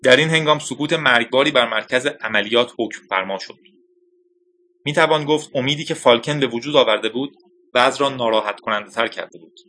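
Male audiobook narrator, bright forceful voice, even dramatic storytelling, scripted reading. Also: mid-range voice.

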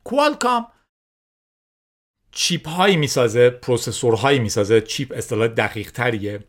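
A man's voice: medium pitch, lively intonation. A man from Iran hosting his own tech news podcast, talking casually and wandering off on side remarks while correcting himself as he goes. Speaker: podcast host.

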